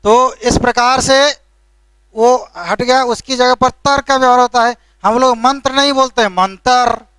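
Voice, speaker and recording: A man's voice: very high voice, flat delivery, moderate pace, a bit bright, clean tone, no echo. A male teacher lecturing a classroom, checking in with a constant tag question and lightly scolding needless spellings. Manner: keeps adding the tag question "है ना?".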